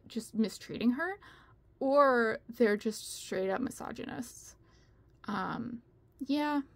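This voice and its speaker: A woman hosting a casual video from home, rambling and chatty with frequent laughter. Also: a little high. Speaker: video host.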